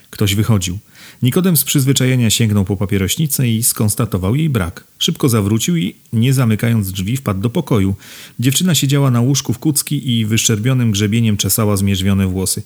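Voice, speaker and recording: A man narrates a novel aloud in a lowish voice. His reading is steady and measured, in the manner of a scripted audiobook.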